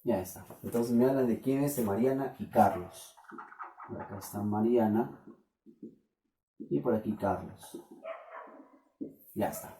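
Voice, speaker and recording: A Peruvian man gives a math lesson in a classroom, stopping again and again to ask his students if they follow. His voice is very dark and mellow. It is picked up from some distance in a room with a lot of echo. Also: lowish voice, a little slow, pauses often. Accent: Peruvian Spanish. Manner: questioning, keeps checking with students. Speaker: math teacher. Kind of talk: classroom lecture.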